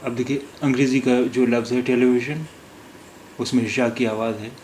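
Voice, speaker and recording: A man teaching a recorded language lesson, pronouncing words slowly and carefully, repeating each one with many hesitant pauses. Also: medium pitch, fairly even intonation, darkish tone, a little hiss or hum. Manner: slow, careful pronunciation drills with many hesitations.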